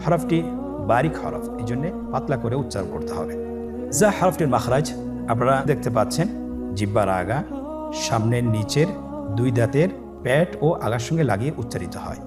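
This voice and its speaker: A man teaching Arabic letters for Quran reading step by step, calm and patient, with a Bangladeshi accent, drawing out each letter sound for listeners to repeat. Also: medium pitch, a little fast. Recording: voice over background music.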